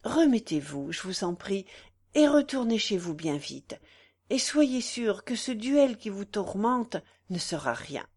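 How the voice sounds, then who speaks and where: Woman voicing a gentle young gentleman, tender and unhurried. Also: medium pitch, big pitch swings, breathy edge, full character voice. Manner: tender, soothing, slow. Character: young Parisian gentleman before a duel, gentle.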